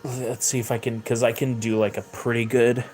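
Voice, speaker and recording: A hoarse young man hosting a late-night livestream, chatting loosely with viewers and swearing a lot. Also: mid-range voice, little pitch movement, moderate pace, darkish tone. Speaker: livestream host.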